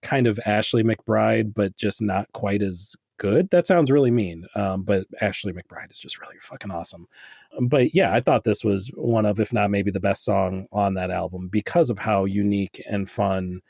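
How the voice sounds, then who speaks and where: A man's voice: lowish voice, normal speed, vocal fry, a little mellow, no room sound, clean studio sound. A man co-hosting a music podcast, chatting casually with rambling, self-deprecating remarks and casual swearing. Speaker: podcast co-host reviewing albums. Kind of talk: casual music review chat.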